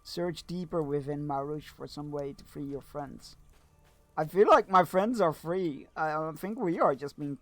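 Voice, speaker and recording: A man's voice: a little high, a little slow, fairly bright tone, slight background noise. A man streaming a fantasy game, chatting sarcastically, swearing, laughing and reading quest text aloud. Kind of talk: casual live-stream commentary.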